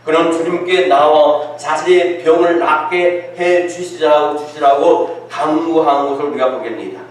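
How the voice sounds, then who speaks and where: Male pastor, higher-pitched, delivering a sermon from a distant mic in a very echoey church hall. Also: steady tone, measured pace. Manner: asks the congregation rhetorical questions. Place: church sanctuary.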